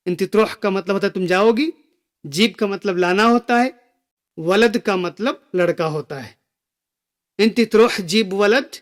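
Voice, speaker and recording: Slow, high-voiced man teaching a lesson. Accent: Gulf Arabic phrases within Hindi speech. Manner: repeats each phrase slowly for learners. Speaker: Arabic teacher. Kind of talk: slow spoken language lesson.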